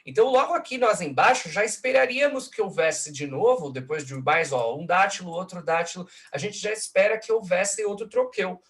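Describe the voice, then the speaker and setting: A man's voice: high-pitched, big pitch swings, a bit bright. A man giving an online lecture, explaining step by step and checking in with frequent tag questions. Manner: slows down and stresses syllables when tapping out rhythms. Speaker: host and lecturer. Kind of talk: online lecture analyzing song lyrics. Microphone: computer mic in a live video call.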